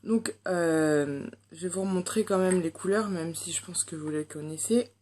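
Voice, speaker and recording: A woman's voice: on the low side, normal speed, darkish tone, a little hiss or hum. A young woman with a French accent reviewing a makeup palette in a casual, hesitant way, full of fillers. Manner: chatty, hesitant, many fillers. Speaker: beauty vlogger.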